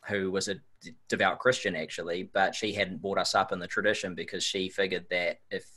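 Speaking as a guest on a podcast, this New Zealand-accented nutrition researcher gives easygoing, reflective answers in a casual interview, sometimes repeating words. His low voice is bright and forceful, delivered briskly with a flat intonation.

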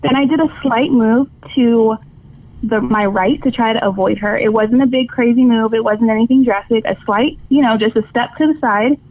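A young woman telling her story as an interview guest over the phone, tearful and halting, with many fillers. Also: fairly high pitch. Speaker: guest, former softball player. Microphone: phone call. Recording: tinny phone line with faint noise.

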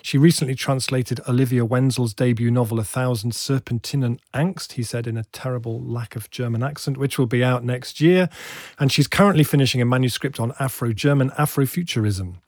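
A man's voice: medium pitch, brisk, a little mellow, no room sound, clean studio sound. A man hosting a podcast, reading a scripted introduction with enthusiasm and playful asides. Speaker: podcast host.

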